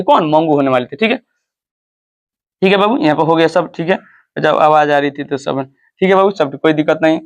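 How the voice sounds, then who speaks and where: A man's voice: a little high, lo-fi sound. A man who teaches a school story, often asking his listeners questions and then answering them himself.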